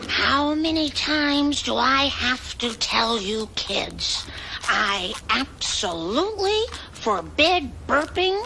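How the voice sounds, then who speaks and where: Cartoon mother, exasperated, prim, raspy, widely swooping pitch, slow drawn-out scolding. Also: animated, pushed and bright, a little hiss or hum, exaggerated voice, poor audio. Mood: stern, exasperated. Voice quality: gravelly, raspy. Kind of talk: animated cartoon acting.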